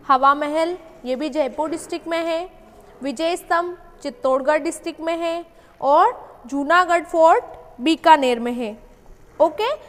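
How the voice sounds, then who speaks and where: A woman's voice: very high voice, long reverb tail. A woman teacher explaining a school English lesson, repeating her own questions and answering them.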